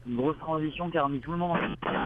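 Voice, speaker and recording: Man over a tinny radio link. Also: a little high. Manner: halting, full of hesitations and restarts. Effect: heard over a crackly radio link from a boat. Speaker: sailing race skipper. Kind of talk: casual live interview.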